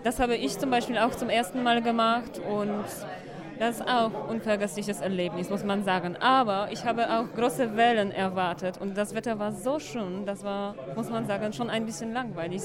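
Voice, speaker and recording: A woman in her twenties from Poland, a native Polish speaker with a Polish accent, speaking careful, slightly halting German as an exchange student. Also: on the high side. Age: 20s. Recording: crowd noise behind.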